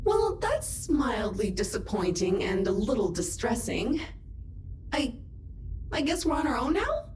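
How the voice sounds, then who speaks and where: A woman's voice: fairly high pitch, big pitch swings, a little slow, darkish tone, a little hiss or hum. An actress voicing a chirpy female AI assistant in a video game, perky and helpful, who playfully switches between voices. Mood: wry helpful. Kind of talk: scripted game dialogue.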